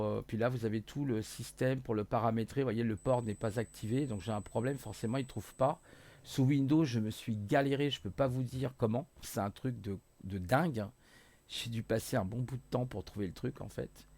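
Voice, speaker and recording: A man casually walking viewers through electronics software, hesitant with many fillers, self-corrections and jokey asides. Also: medium pitch, gravelly. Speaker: hobbyist electronics youtuber. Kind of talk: casual screen-share tutorial.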